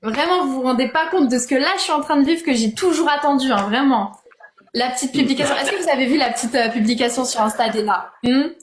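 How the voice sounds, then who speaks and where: A woman's voice: high voice, quick pace. A young woman chatting casually on a live stream, often seeking agreement with little tag questions, in a roomy, noisy recording. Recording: roomy, echoing, noisy pickup.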